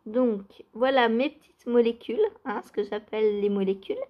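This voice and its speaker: A woman chatting casually in a knitting vlog, laughing often and filling pauses with hesitations. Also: fairly high pitch, muffled recording. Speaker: knitting vlogger. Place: outdoors or by open door, cool weather.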